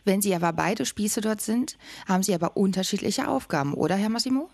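A woman's voice: medium pitch, lively intonation, fast, a little mellow, dry recording. A woman hosting an interview podcast, asking questions and introducing guests. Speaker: podcast host.

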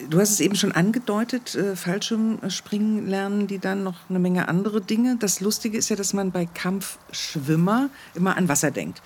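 Lady podcast host doing an interview, medium pitch, slight ambient noise. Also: a little mellow. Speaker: podcast host, military editorial reporter.

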